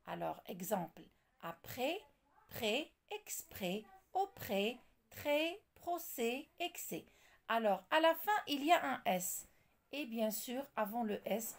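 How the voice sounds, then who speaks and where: French teacher lady, slow and careful, going over examples one at a time, bit of vocal fry, pitch all over the place. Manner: slow, deliberate, spells out examples. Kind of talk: classroom lesson explanation.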